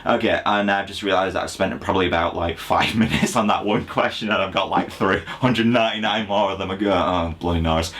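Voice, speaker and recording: Young man, deep voice, casual vlog chat, rambling, self-deprecating. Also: steady tone, brisk, hardly any pauses, fairly bright tone. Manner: rambling, full of fillers and restarts, self-deprecating. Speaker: vlogger answering viewer questions. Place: indoors at home.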